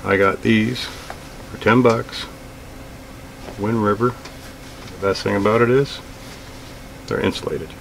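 Middle-aged man, deep and rough-edged, unhurried casual vlog delivery with a faint room hum behind. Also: low-quality recording. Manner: relaxed, plain-spoken, with frequent fillers. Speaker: outdoors vlogger. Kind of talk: casual gear talk to camera. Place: small indoor room with shelves of gear.

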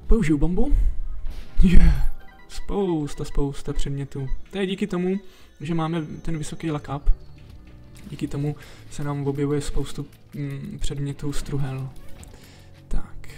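Guy narrating his game run, kinda high voice, chatty, game music faint behind. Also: level tone, mellow. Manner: chatty, talks to himself and to enemies while playing. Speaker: gameplay commentator. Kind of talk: casual let's play commentary.

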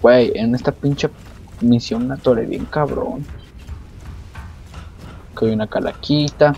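A man's voice: medium pitch, steady tone, measured pace, creaky, mellow, dull audio, a little hiss or hum. A man with a Mexican accent giving crude, joking let's-play commentary while he plays. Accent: Mexican Spanish. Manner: crude, profane, joking banter. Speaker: gamer streamer.

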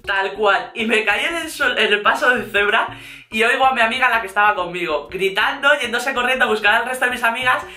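A woman with a Spain Spanish accent telling a storytime vlog in a lively way, laughing and acting out what others said. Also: a little high, brisk, reverberant, soft background music. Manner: lively, laughing, acts out quotes. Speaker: vlogger. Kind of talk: storytime monologue.

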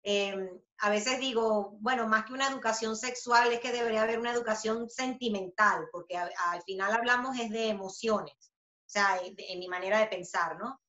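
Her voice is a little high and her speed normal as she, a Venezuelan journalist and author in her thirties, responds to an interviewer with casual animation, many fillers and frequent restarts. She's captured through a video call webcam in a home room with a book poster, giving roomy, slightly dull sound.

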